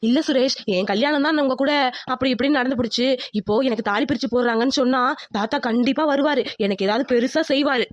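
A cunning young village wife in a cartoon, voiced by a woman. She nags loudly and insistently. Her voice is high and fast, recorded dry. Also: no room sound, highs cut off, natural voice. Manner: loud, insistent, nagging. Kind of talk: cartoon voice acting.

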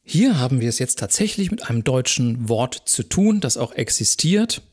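Addressing his viewers directly, a man goes through exam questions step by step in a recorded university lecture. He stays calm and methodical, with a mid-range voice at a normal pace.

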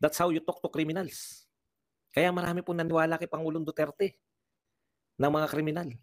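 A man's voice: a little high, flat delivery, moderate pace, no echo, studio quality. A man doing livestream political commentary, talking in an impassioned way and firing off rhetorical questions. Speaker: political vlogger.

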